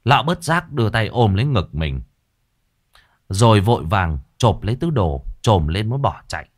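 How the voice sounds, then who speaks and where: A man telling a story in an earthy, colloquial, animated way. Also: lowish voice, normal speed. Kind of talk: storytelling narration.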